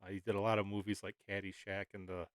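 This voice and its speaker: Low-voiced man musing with many pauses. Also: level tone, clean tone, dry recording. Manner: hesitant, many "uh"s. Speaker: reaction video host. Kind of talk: casual commentary.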